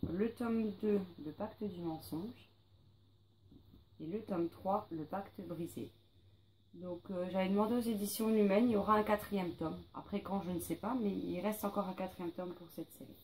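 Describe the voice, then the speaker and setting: Female book vlogger, mellow and relaxed, chatty with fillers; light background hiss. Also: mid-range voice. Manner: chatty, lists titles with many fillers. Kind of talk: casual to-read pile presentation.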